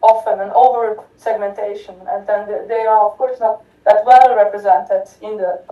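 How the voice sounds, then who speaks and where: A conference speaker with a mid-range, dark voice talks at normal speed in a steady tone. Her academic talk is riddled with fillers and restarts and punctuated by "right?", captured in a distant, echoey, lo-fi lecture hall recording.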